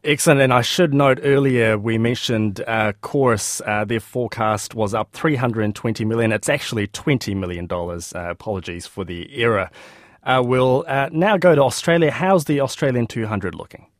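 A man's voice: medium pitch, normal speed, no echo, studio quality. A man with a New Zealand accent presenting business news in a scripted newsreading style. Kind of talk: scripted news reading with interview links.

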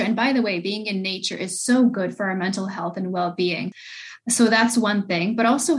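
A woman's voice: mid-range voice, poor audio. A woman speaking as an expert guest, giving earnest, encouraging explanatory advice. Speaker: expert panel guest, researcher.

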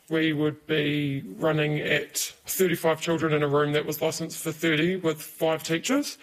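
An anonymous female teacher, speaking in an interview through an electronically altered, disguised deep voice, blunt and emphatic. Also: rough recording. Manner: blunt, emphatic, repeats key words. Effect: voice electronically altered, pitched down to a disguised deep voice. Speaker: early childhood teacher.

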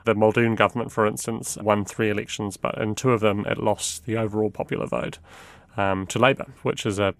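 A man's voice: fairly low pitch, level tone, brisk, no room sound. A man explaining history in a hedging, conversational way. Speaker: explainer, commentator. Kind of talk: casual explanatory talk.

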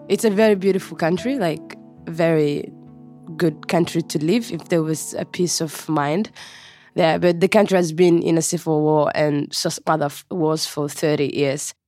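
A young woman from Somalia, a student, tells her story casually in a studio interview, using many fillers. Her voice is on the low side and a little mellow.

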